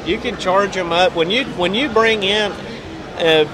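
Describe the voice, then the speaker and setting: Man pitching at a busy trade show. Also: a little slow. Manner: enthusiastic, salesman-like, lots of fillers. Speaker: scent company owner. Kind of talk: casual interview at a trade show booth. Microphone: handheld mic. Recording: noisy crowded trade show hall. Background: crowd chatter.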